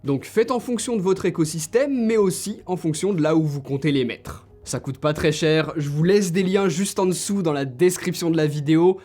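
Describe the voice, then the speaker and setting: Upbeat French tech reviewer, higher voice. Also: male voice, moderate pace, hardly any pauses, a little mellow. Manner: enthusiastic, direct, addresses viewers informally. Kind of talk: tech gift recommendations to camera.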